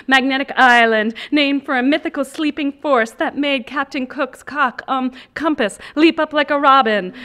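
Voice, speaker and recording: A woman reads her poetry aloud with a bright, forward tone. Her voice is crisp and clean. Her delivery is rhythmic and incantatory. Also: medium pitch. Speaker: poet. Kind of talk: poetry reading.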